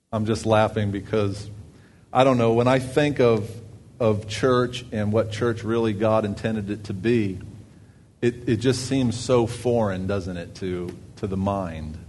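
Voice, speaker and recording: A man's voice: lowish voice, a little mellow, slight background noise. A man, a pastor, giving announcements and a sermon in a conversational way, thinking aloud with fillers and restarts.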